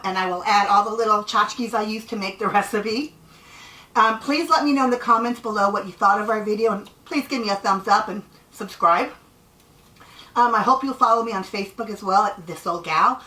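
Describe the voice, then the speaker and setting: Woman host, bright chatty delivery, echoey kitchen, mic set back. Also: on the high side. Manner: chatty, friendly, playful with her partner. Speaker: cooking show host. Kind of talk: casual cooking demonstration. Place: home kitchen. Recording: echoey room, mic at a distance.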